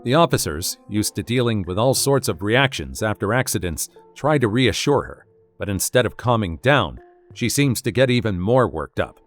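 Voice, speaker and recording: A man's voice: on the low side, very animated, moderate pace, faint music behind. A man reading a scripted narration with a wry, dramatic storytelling manner.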